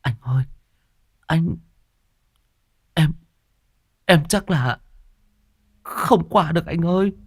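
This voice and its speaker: A man voicing a dying young henchman, halting. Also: fairly high pitch, breathy edge, dry recording, studio quality, pitched above the performer's own voice. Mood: fading. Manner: weak, halting and broken. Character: dying young male gang henchman, devoted.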